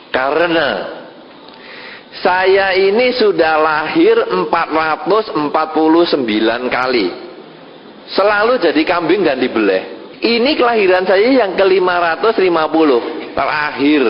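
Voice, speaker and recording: A man's voice: fairly high pitch, a little hiss or hum, pitched above the performer's own voice. A man voicing a gleeful male goat about to be slaughtered, speaking. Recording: reverberant hall, dull lo-fi sound.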